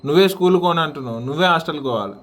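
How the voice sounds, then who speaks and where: An adult, loudly and mock-sternly scolding a small child from a little way off the mic. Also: medium pitch, lively intonation, racing. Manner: loud, mock-stern scolding from across the room.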